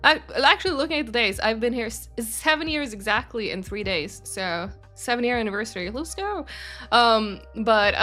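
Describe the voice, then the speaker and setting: Faint music sits behind a young woman whose high, slightly bright voice is very animated at a moderate pace. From Sweden, she's a game studio's community manager chatting on a livestream, reading viewer questions and answering in a rambling manner with many fillers and self-corrections.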